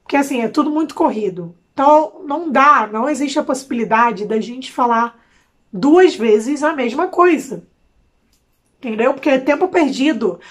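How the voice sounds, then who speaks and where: A young woman from Brazil, speaking with a Brazilian Portuguese accent, vlogging in a chatty, expressive way with slangy asides. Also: high voice. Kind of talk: casual chat to camera.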